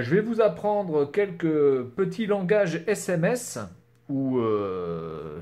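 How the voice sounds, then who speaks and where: A man's voice: mid-range voice, darkish tone. A man casually explaining things on camera, hesitant and full of fillers, writing as he talks. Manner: hesitant, many fillers and "voilà". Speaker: vlogger.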